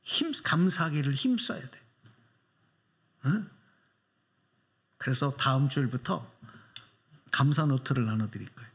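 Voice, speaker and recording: A man preaching a sermon as pastor in a church, emphatic, pressing the congregation with rhetorical questions and swinging his pitch widely for emphasis. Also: sing-song, unhurried, pauses often, fairly bright tone.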